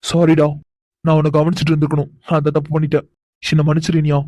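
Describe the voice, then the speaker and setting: Woman playing a fond, teasing cartoon husband: low, even, quick and warm. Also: no echo, natural voice. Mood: remorseful. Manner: teasing, chuckling, coaxing. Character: doting young husband, teasing and affectionate. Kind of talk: animated cartoon voice acting.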